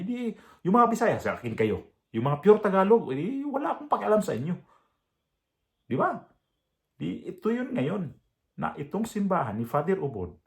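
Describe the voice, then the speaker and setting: A man with a Visayan accent giving casual reaction commentary in a blunt, proud way. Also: mid-range voice. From Visayas, Philippines. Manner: proud, blunt, with many fillers and restarts. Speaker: reaction vlogger.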